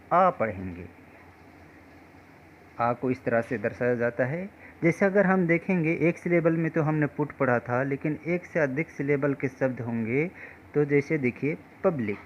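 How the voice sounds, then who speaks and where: A man explains pronunciation at an unhurried pace, pausing on each example word. His voice sits at an ordinary pitch. The recording is muffled and lo-fi, with a faint hum behind it. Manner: slow, patient, addresses viewers as friends. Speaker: English teacher.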